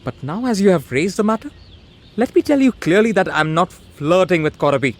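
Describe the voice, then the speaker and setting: An actor playing an earnest, lovestruck young son of a rich family in a radio drama. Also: male voice, high voice, sing-song, fairly quick. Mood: earnest, defiant. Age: young adult. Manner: earnest, defiant.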